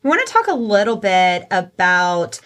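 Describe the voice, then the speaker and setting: A woman's voice: mid-range voice, sing-song, normal speed, a bit bright. A middle-aged woman hosts an interview in a mid-range voice. She asks her questions in a conversational way. She keeps affirming her guest. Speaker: podcast host.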